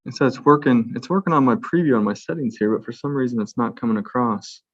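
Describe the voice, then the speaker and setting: Remote male board participant heard over a call speaker; muffled, hesitant, mid-pitched. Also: fast, no room sound. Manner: hesitant, fumbling with his settings. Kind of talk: casual talk while sorting out a video call.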